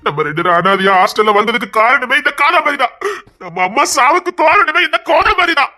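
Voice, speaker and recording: Man doing a hot-headed young man, Tirunelveli accent, harsh, commanding, bright voice. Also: very high-pitched, big pitch swings, fairly quick, heavily acted. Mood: stern, angry. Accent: Tirunelveli Tamil. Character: hot-tempered young man rejecting his lover. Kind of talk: comedy skit drama.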